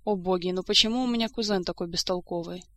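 A woman's voice: fairly low pitch, fast talker, a bit bright, close to an everyday voice. A woman reading the part of a hot-tempered young prince who scolds his careless cousin. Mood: exasperated. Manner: exasperated, scolding.

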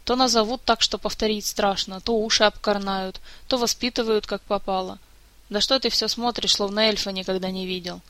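A woman's voice: medium pitch, fairly even intonation, fairly quick, fairly bright tone, dry recording, lightly acted. A woman voicing a cheerful, teasing adult male elf who chats with easy mockery. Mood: amused. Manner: playful, mildly mocking.

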